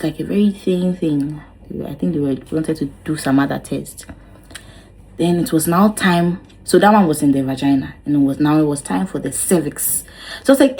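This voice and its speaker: A young woman vlogger with a low-pitched, warm voice tells her own story to camera, dramatic and exclaiming as she acts out what each person said. The audio quality is poor.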